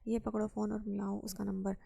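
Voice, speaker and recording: A woman's voice: medium pitch, level tone, gravelly, warm tone, breathy edge. A woman reading aloud and voicing a fond but commanding grandmother who scolds with authority.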